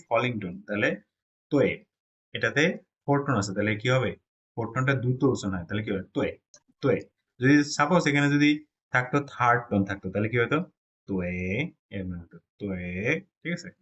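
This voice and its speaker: A man's voice: medium pitch, a bit bright. A man from Bangladesh teaching a Chinese pronunciation class, explaining step by step and often checking that the students follow. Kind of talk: classroom lesson.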